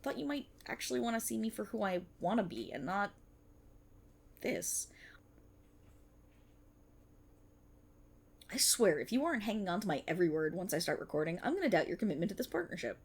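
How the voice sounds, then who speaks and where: Sounding pouty, a woman talks fast in a mid-range, slightly rough voice. She's playing an excitable, earnest young banshee idol-in-training, chatty and teasing, in an ASMR-style roleplay directed at the listener.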